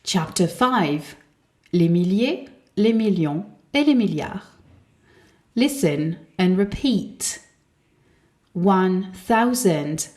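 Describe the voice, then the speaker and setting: Slow, very deliberate woman teaching English. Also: medium pitch, animated, darkish tone. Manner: slow and carefully enunciated, modelling words to repeat. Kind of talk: slow, deliberate language lesson.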